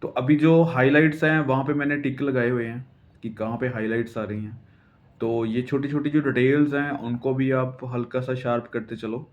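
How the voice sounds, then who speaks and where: A man from India with a light Punjabi-tinged Hindi accent, calmly explaining a drawing lesson step by step while he sketches, often checking in with "theek hai". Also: medium pitch, moderate pace, muffled recording. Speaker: drawing teacher.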